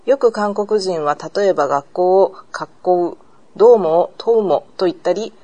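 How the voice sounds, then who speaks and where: Low-voiced woman reading a listener letter. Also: a little slow, mellow, dull audio.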